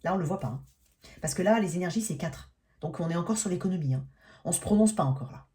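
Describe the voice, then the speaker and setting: Low, mellow-voiced woman reading tarot. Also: expressive, fast talker. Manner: hesitant, many restarts and tag "hein". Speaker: tarot reader. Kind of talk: casual tarot reading to camera.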